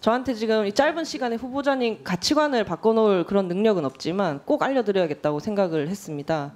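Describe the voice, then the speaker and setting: A woman in her thirties, a lawmaker, questioning a nominee in a formal hearing room in a measured, pointed and direct way. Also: medium pitch, darkish tone. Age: 30s.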